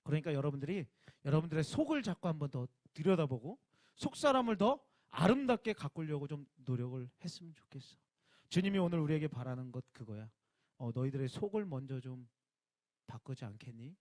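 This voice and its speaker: A man's voice: on the high side, very animated, fairly quick, darkish tone, no room sound. A male youth pastor giving a casual sermon to teenagers, talking informally and directly with emphatic rising bursts.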